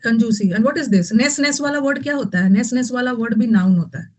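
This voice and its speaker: A woman's voice: a little high, brisk, a little mellow, rough recording. A woman with an Indian accent teaching English vocabulary in an online class, explaining in Hindi mixed with English and quizzing her students.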